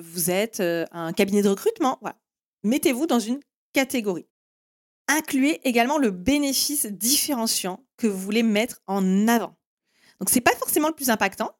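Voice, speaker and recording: A woman hosting a solo marketing podcast, explaining step by step in a direct way and giving listeners firm instructions. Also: fairly high pitch. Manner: direct, explanatory, with frequent "en fait" and "eh bien".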